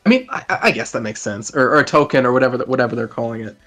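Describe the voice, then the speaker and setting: A man with a mid-pitched voice talks about tabletop games in a loose, rambling way. He leans on "like" and swears casually. Faint music plays underneath. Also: animated, racing, a bit bright. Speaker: co-host reviewing a tabletop game. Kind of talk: casual podcast chat.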